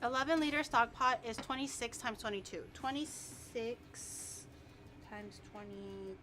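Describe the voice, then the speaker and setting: A woman with a high-pitched voice hosts a casual live stream while cooking. She talks playfully to her viewers, teasing them and swearing lightly. The recording has noticeable noise, with clicks and chopping behind her. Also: a little slow.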